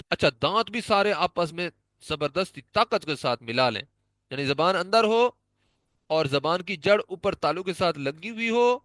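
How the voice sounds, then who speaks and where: A man with a high, fairly bright voice leads a Quran pronunciation lesson, with no room sound in the recording. He explains the letter sounds patiently and models them repeatedly.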